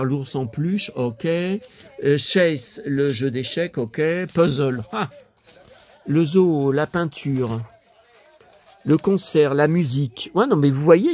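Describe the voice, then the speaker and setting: A man's voice: a little high, a little mellow. An older man from France chatting casually as a vlogger, musing aloud as he reads English words in a French way. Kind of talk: casual chat while leafing through a book.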